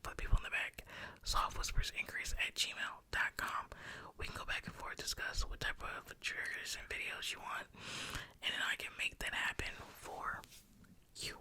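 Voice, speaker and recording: A woman's voice: moderate pace, bright, forceful tone. A woman whispering intimately and breathily in a casual, chatty ASMR ramble. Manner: intimate, unvoiced whispering throughout. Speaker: ASMR video creator.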